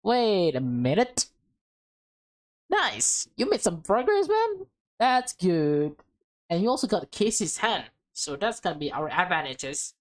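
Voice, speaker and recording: For a let's play, a woman reads a visual novel aloud in a fairly low, sing-song voice, a little slowly. She drops casual commentary and addresses viewers as "guys" and "man," with music playing behind her.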